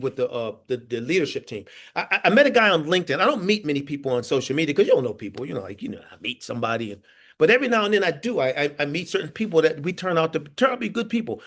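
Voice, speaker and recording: A man's voice: on the high side, fairly bright tone. A man leading an interactive online training session on a video call. He tells stories with frequent laughs and questions to his audience. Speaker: workforce trainer.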